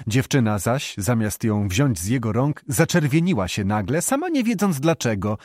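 A man narrating a historical novel as an expressive audiobook reader. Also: medium pitch, moderate pace, no room sound, clean studio sound. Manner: expressive storytelling.

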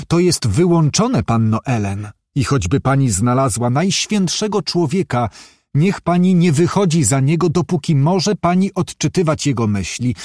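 A man voicing a worldly, wealthy industrialist who blusters and pleads in a fussy, animated way. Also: on the high side, no room sound, studio quality. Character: rich, worldly, flustered male industrialist.

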